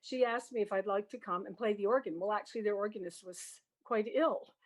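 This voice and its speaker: Brisk and medium-pitched, this older Canadian woman from Prince Edward Island is a guest, a music educator and organist. She reminisces in a casual, animated way, letting asides trail off.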